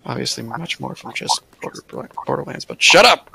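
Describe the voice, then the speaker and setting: Gravelly, bright-toned young man teasing. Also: medium pitch, expressive, normal speed. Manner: teasing, laughing, swears freely. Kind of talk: casual gaming voice chat.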